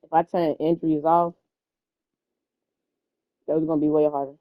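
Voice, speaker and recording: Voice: medium pitch, level tone, normal speed, phone-quality sound. Young creator, casual gameplay chatter, rambling and stumbly. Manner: rambling, stumbles over words. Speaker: gaming video creator.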